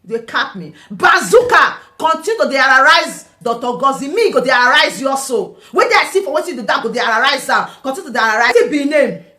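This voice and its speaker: A woman's voice: high voice, animated, quick pace, hardly any pauses, sharp tone. A Nigerian woman commenting on a vlog, combative and taunting, firing off rhetorical questions. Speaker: online political commentator. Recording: echoey room.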